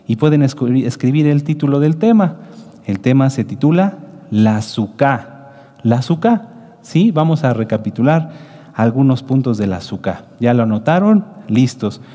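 A man preaching to his congregation in a mellow, unhurried voice, walking his listeners through each point and checking in with a quick rising "¿sí?". His words ring out with the long reverb of a congregation hall. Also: medium pitch. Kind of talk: sermon. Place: congregation hall with a booth of branches.

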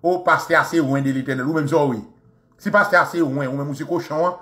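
A man with a Haitian Creole accent, hosting a show and delivering an impassioned, mocking monologue. He repeats phrases and swings between loud outbursts and low asides. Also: fairly even intonation, fairly quick. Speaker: radio show host.

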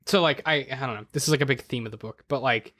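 A man co-hosting a podcast, chatting casually about a book, rambling with many fillers and jumps in pitch. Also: fast, a bit bright. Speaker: podcast co-host. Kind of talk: casual book club chat.

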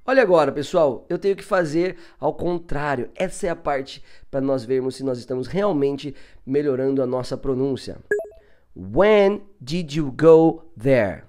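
A man's voice: mid-range voice, steady tone, moderate pace, few pauses, a little mellow, slight background noise. A man with a Brazilian Portuguese accent, an upbeat, chatty English teacher walking viewers through a language app in an online lesson.

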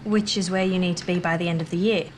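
A woman's voice: on the low side, fairly even intonation, fast talker, slight background noise, natural voice. A woman playing the practical adult who runs a surf school house, speaking straightforwardly and kindly but firmly. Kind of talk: TV teen drama acting.

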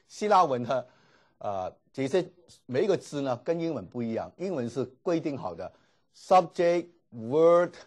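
Husky guy lecturing on greek, voice bounces up and down a lot, lots of little fillers. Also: mid-range voice. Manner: explains patiently with many filler particles. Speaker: Greek teacher. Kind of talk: classroom lecture.

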